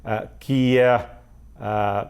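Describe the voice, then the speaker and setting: A man giving a campaign message as a candidate, halting often and repeating phrases. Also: mid-range voice, steady tone, darkish tone, clear, resonant tone. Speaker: mayoral candidate.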